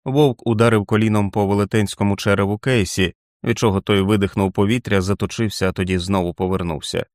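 A man narrating an audiobook in a steady, dramatic reading. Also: lowish voice, fast talker, hardly any pauses, no echo, studio quality.

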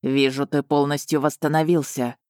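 Woman reading a calm, low-voiced emperor. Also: normal speed, no room sound, studio quality, close to an everyday voice. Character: calm, composed young male emperor.

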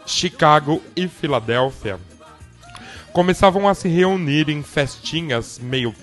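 A man's voice: fairly high pitch, animated, takes it slowly, a bit bright. A man co-hosting a casual radio chat about music, playful and giggly, talking through a head cold. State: has a cold. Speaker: podcast co-host.

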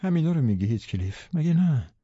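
A bitter, pleading dying young woman, as a male narrator puts her on, speaking softly and with reproach. The voice is mellow and hushed. It comes through a dry, slightly muffled audiobook recording. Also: a little high, very animated, husky, dry recording, voice pushed up. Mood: bitter, reproachful.

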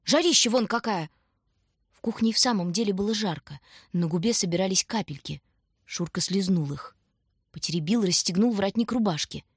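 A woman narrating an audiobook with expressive storytelling. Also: mid-range voice, a little fast, breathy edge, dry recording, clean studio sound.

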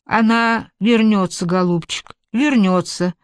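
A woman reading aloud voices a fussing, anxious old grandmother in a high, fluttery tone. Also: unhurried, dry recording, clean studio sound, lightly acted. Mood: tearful.

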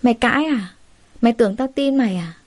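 A woman's voice: a little high, fast talker, darkish tone, dry recording, lightly acted. A woman voicing a stern, domineering old mother-in-law who scolds harshly and gives orders.

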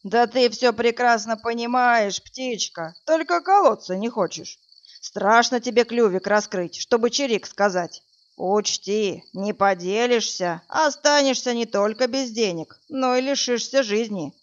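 A woman's voice: a little high, measured pace, highs cut off, natural voice. A woman voicing a brutish, drunk male thug who snarls coarse threats, in a read-aloud crime story. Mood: scheming. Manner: menacing, loud, snarling threats.

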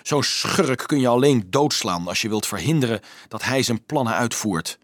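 A man's voice: animated, normal speed, no echo, clean studio sound, natural voice. A man doing a grim, determined teenage boy. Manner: grim, low and clipped.

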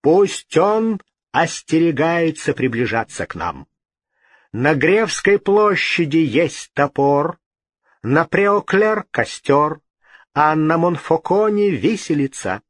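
A man reading an audiobook and voicing an irritable, imperious king with sharp, haughty outbursts. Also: fairly high pitch, big pitch swings, takes it slowly, no echo, clean studio sound, voice pushed up, heavily acted. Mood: irritated.

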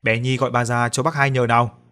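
A man's voice: medium pitch, level tone, quick pace, smooth, natural voice. A man voicing a fatherly middle-aged builder who speaks in a teasing, good-natured way. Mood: friendly. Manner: warm-hearted, teasing.

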